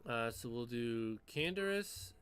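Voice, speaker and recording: A man's voice: medium pitch, lively intonation, a little slow, fairly bright tone, slight background noise. A man playing through a video game, reading dialogue aloud and commenting casually. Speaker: gamer doing a playthrough.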